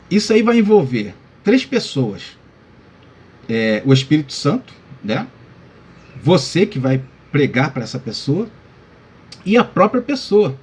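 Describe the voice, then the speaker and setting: A man's voice: fairly high pitch, darkish tone, husky. A male pastor teaching a Bible lesson in a casual way, full of little check-ins like "tá?" and addressing listeners as brother. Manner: casual, many fillers like "tá?" and "né?".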